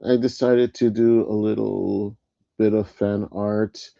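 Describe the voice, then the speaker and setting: A man's voice: fairly low pitch, flat delivery, slow pace, creaky, warm tone, dry recording. A man with a slightly wheezy voice, recovering from bronchitis, rambles and corrects himself as he chats casually as a livestream host on an old headset. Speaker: livestream host, comic artist. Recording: dull headset audio with noise.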